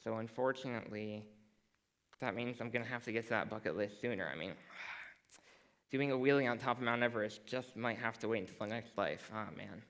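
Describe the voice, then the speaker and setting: A teenage boy giving a prepared stage talk to a school audience, measured and dry, with a self-deprecating sense of humor. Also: mid-range voice, a bit bright, poor audio. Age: teens. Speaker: student speaker.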